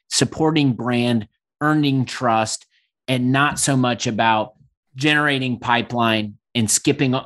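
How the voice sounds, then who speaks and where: A man's voice: mid-range voice, a bit bright. Reflective man co-hosting a podcast. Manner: thoughtful, reflective, talks things through. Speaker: podcast co-host. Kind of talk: casual conversational podcast talk.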